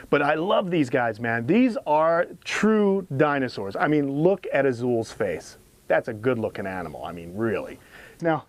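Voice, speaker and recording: A man's voice: fairly high pitch, darkish tone, dry recording. A man presenting an educational animal tour outdoors in a casual, emphatic, admiring way, as an enthusiastic host and keeper. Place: outdoors among animal enclosures.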